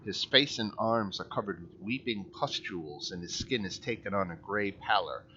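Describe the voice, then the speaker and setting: A man narrating a tabletop game as game master, halting and pausing often. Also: fairly low pitch, pushed and bright. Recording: slightly muffled, faint room noise.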